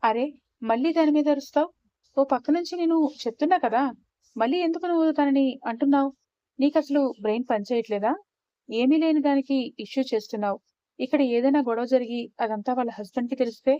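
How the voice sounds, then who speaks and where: A woman's voice: a little high, fairly even intonation, quick pace, hardly any pauses, mellow, no room sound, natural voice. A woman voicing Krish, an irritated tipsy young man. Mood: angry. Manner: blunt, exasperated talk. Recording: slightly dull, muffled recording.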